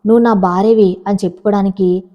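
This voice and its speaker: A stern old grandfather with a cane who speaks with grave reproach, as a woman narrator reads his lines. The voice is mellow and dark-toned. The recording sounds dull and lo-fi. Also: mid-range voice, steady tone, fast, natural voice. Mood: reproachful.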